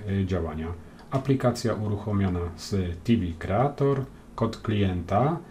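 Calm low-voiced Polish man teaching coding. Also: slight background noise. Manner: calm, explains step by step with frequent "e" hesitations. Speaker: programming tutor. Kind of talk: screen-recorded coding tutorial.

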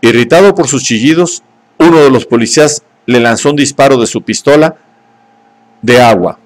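A man narrating an audiobook in a steady, measured way. His voice sits at an ordinary middle pitch. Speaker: audiobook reader.

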